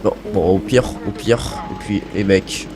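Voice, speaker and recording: A man giving casual, excitable commentary on his own gameplay, pleading with the game and swearing casually. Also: on the low side, a little slow, over music.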